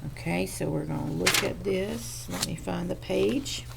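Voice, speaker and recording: Low gravelly teacher voice. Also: female voice, measured pace, background noise. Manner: patient, explains step by step to kids. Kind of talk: recorded reading lesson for children.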